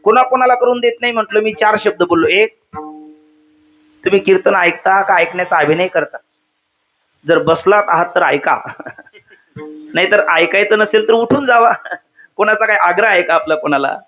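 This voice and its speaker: A man's voice: sits high, moderate pace, long pauses, soft background music. A man giving a devotional kirtan sermon, quizzing the audience, reciting verses and joking with them. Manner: interactive, quizzes the audience and asks them to repeat words; humorous asides. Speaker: kirtan preacher. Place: hall with a live audience. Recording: dull lo-fi sound.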